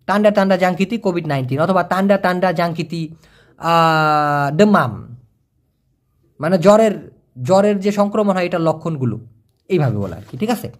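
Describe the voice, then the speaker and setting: A man teaching a casual video lesson, explaining slowly, repeating words and checking that viewers follow. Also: high-pitched, expressive. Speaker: language teacher.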